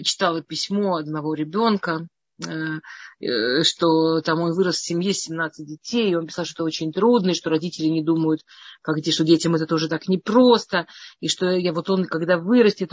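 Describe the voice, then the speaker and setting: A woman's voice: on the low side, husky, no room sound, highs cut off. A middle-aged woman from Russia casually telling her life story in a meandering way, often restarting and stammering over words.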